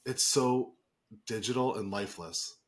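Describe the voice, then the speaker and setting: Guy on a podcast, kinda stammers into his points, easygoing chat. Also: mid-range voice. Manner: halting, repeats words when starting. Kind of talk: casual chat.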